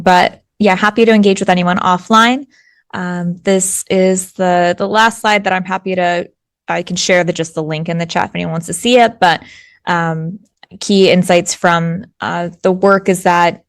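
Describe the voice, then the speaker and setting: A woman guest speaker on a video call giving reflective closing remarks, with fillers. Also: lowish voice.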